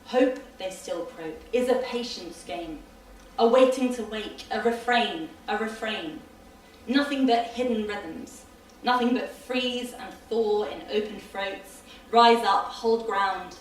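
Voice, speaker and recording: A woman's voice: fairly high pitch, slow. A woman reciting a poem at a live literary event, with a rhythmic, lilting delivery. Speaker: poet. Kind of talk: poetry reading. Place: hall at a live reading. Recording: echoey hall from far off, faint noise.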